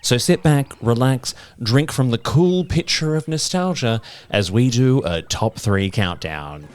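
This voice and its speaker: A man's voice: mid-range voice, animated, unhurried, a little mellow. A forty-year-old man hosting a gaming podcast, joking, swearing and laughing often. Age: 40s. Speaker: podcast host. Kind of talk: casual chat.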